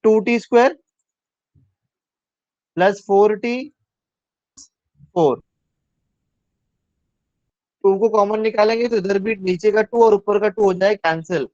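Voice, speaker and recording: A man's voice: sits high, steady tone, slow pace, long pauses, darkish tone, no echo. Male maths teacher talking through steps. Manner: talks through steps aloud, asks students questions; mixes English maths terms into Hindi. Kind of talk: live online maths class. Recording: dull, dry lo-fi sound.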